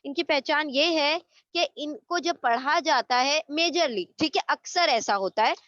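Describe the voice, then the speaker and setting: High-voiced woman teaching grammar patiently. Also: a bit bright, no room sound, muffled recording. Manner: explains patiently, repeats terms, mixes English words into Urdu. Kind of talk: recorded online lesson.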